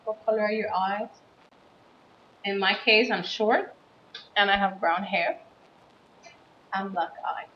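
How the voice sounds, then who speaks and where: Woman teacher in her thirties, from the USA, patient and deliberate, recorded in a roomy space with a dull, slightly muffled sound. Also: mid-range voice, fairly even intonation. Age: 30s. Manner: slow, patient explaining with stressed words. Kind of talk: classroom writing lesson. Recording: dull, roomy recording with faint background noise.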